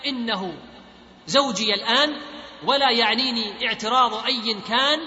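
A man's voice: extremely high pitch, moderate pace, sharp tone, slight background noise, heavily acted. A man reading the lines of a defiant, scornful young woman, in an echoey hall on a dull lo-fi recording. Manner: read out plainly in the narrator's voice.

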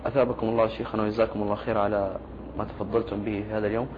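A man's voice: fairly low pitch, flat delivery, very fast. A man hosting a religious programme, presenting formally in Standard Arabic. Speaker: TV show host. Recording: thin phone-like sound with faint noise.

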